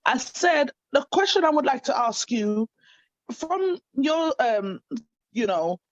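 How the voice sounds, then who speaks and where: A woman's voice: sits high, very animated, slow, no room sound. A woman in her thirties hosting an online interview show, enthusiastic and affirming. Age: 30s. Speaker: host. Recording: dry, slightly dull sound.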